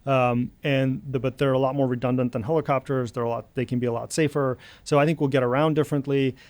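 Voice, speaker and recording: Man, late 30s, from Russia, founder as interview guest, mid pitch, hesitant thoughtful pacing, dry close sound. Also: flat delivery, fast, a little mellow, dry recording. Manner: thoughtful, hesitant, many fillers and restarts. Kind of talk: casual interview.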